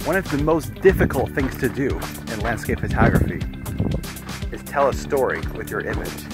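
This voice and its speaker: A man's voice: medium pitch, animated, moderate pace, over loud music. A man in his thirties explaining his landscape photography as he hikes a desert mountain trail, filmed with a camera held at arm's length. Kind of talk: casual vlog narration while hiking.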